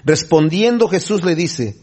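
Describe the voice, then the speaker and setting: A man delivers a Bible study sermon in a somewhat high, husky voice. His pitch swings widely as he acts out the voices of the people in the story. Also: animated, measured pace, darkish tone. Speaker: preacher.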